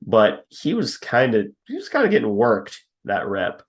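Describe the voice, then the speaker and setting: A man's voice: mid-range voice, wildly swooping pitch, moderate pace. A young man co-hosting a podcast, casually breaking down a football team's linemen, reading stats and laughing at his own jabs. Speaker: podcast co-host. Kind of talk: casual football scouting talk.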